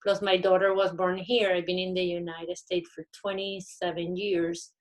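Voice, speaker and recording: A woman's voice: on the low side, flat delivery, normal speed. A middle-aged woman from Venezuela, telling her story as a panelist. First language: Spanish. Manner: reflective, personal storytelling. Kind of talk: panel discussion.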